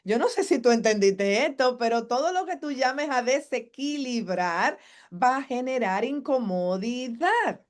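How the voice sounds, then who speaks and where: A woman's voice: fairly high pitch, animated, a little slow. A woman psychologist giving a live masterclass to mothers. She asks the audience questions and acts out the lines of family members.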